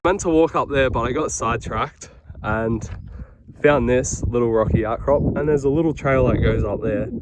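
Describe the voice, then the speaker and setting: A man's voice: medium pitch, background noise. An Australian man chatting casually to camera outdoors on a camping trip, easygoing and rambling with loose, trailing sentences. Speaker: vlogger on a four-wheel-drive camping trip. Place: outdoors in the bush.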